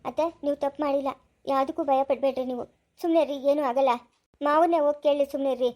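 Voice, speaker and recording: A woman with a rural Kannada accent playing a caring village daughter-in-law in an amateur family drama, talking in a soft, soothing, reassuring way. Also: sits high, steady tone, quick pace, close to an everyday voice. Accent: rural Kannada from the Chikkaballapura area. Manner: soothing, reassuring, softly pleading. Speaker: daughter-in-law comforting her mother-in-law.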